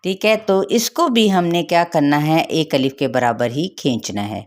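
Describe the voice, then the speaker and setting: A woman with a Pakistani Urdu accent teaching Quran recitation rules, explaining each letter slowly and carefully. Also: deep voice. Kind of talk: tajweed lesson with recitation.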